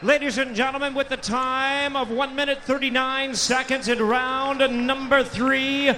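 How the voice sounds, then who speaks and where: A man announcing in the ring in English and Spanish, booming and drawing out titles in a showy lucha libre style. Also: steady tone, bright, forceful tone, slight background noise. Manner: showy, drawn-out delivery of titles and names.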